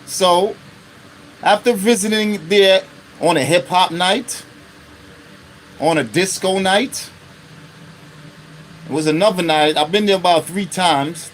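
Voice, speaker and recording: A man in his fifties hosts an unscripted live stream, speaking bluntly and profanely and constantly checking in with his listeners through rhetorical questions. His voice is a little high and fairly bright, and he takes it slowly with long pauses, over poor audio with slight background noise.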